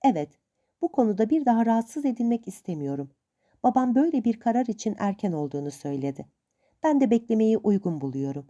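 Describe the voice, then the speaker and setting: A woman's voice: on the high side, big pitch swings, fast talker, dark tone, dull audio. Woman doing a proud, defiant young woman. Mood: flustered. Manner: earnest, defiant.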